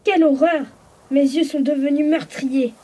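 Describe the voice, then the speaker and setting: Very high-voiced cursed young hero, acted by a woman, exclaiming. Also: steady tone, moderate pace, mellow, close to an everyday voice. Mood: dismayed. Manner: emotional, exclaiming. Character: young man Isma, cursed and frightened.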